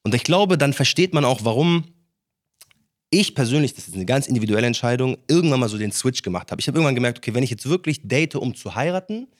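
A young adult man hosting a podcast, talking in a lively, slangy casual chat. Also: mid-range voice, fast talker. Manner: lively, laughs often, slangy. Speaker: podcast host.

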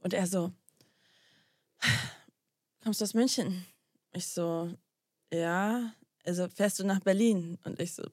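A woman's voice: lowish voice, fairly even intonation, takes it slowly, long pauses, darkish tone, no echo, clean studio sound. A young woman casually telling a story to her co-host, acting out both sides of the dialogue and dropping English slang into her talk.

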